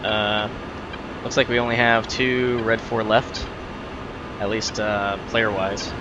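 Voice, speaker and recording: A man with a lowish voice speaks slowly, muttering to himself as a flight lead in casual flight sim commentary and mixing in military brevity calls. The audio has its highs cut off and a steady, noisy, vehicle-like drone behind it.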